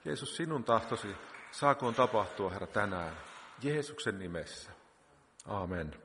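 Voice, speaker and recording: A man's voice: on the low side, expressive, noisy background. A man leading a church meeting, praying aloud spontaneously and repeating "Lord" between phrases, then giving the week's announcements. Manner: prayer punctuated by constant repeated "Lord". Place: church hall. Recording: long reverb of a church hall.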